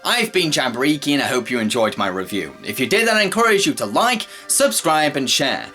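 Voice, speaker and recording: A man's voice: medium pitch, big pitch swings, fairly quick, pushed and bright. A man narrating a scripted film review. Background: faint background music.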